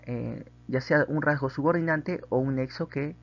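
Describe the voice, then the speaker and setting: Male teacher, mid pitch, patient and explanatory, slightly muffled recording. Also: moderate pace. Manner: patient, checks in with frequent tag questions. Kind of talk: recorded grammar lesson.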